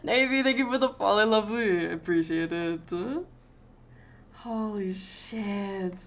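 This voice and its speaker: A woman's voice: medium pitch, expressive, a little fast, fairly bright tone. An Australian woman chatting casually on a live stream while she draws, greeting viewers and swearing freely.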